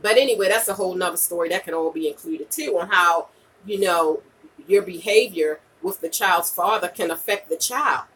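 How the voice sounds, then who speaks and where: A woman in her late 40s, a vlogger and podcaster chatting live with viewers, gives candid, emphatic advice in casual slang, repeating points for weight and peppering them with "okay?" and "you know." Her lowish, fairly bright voice moves at a moderate pace, but she's far from the mic, with slight background noise and poor audio.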